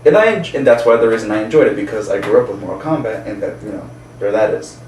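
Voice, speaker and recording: This podcast co-host talks fast in a lowish, slightly mellow voice, meandering somewhat and searching for the right words as he gives his opinion in a casual chat. The recording is roomy and distant, with background noise.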